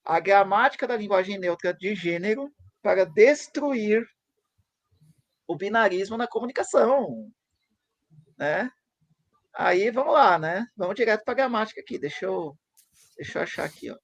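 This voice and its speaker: A man's voice: sits high, animated, moderate pace, long pauses, no room sound, dull audio. A man hosting a casual online chat over a video call, upbeat as he reads text aloud and comments on it. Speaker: host.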